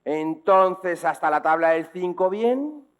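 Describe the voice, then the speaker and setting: A man's voice: high voice, lively intonation, slow, clean tone. Spanish man giving a didactic talk. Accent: Spanish from Spain. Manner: didactic, checks in with rhetorical questions. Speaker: speaker on dyslexia. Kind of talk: public talk to teachers and parents.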